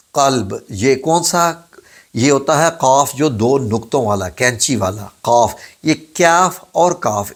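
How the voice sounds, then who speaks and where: Man teaching Quranic Arabic words patiently. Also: medium pitch. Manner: explains slowly, spells words letter by letter, mixes in English words; modest and relaxed, many pauses and fillers. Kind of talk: informal vocabulary lesson.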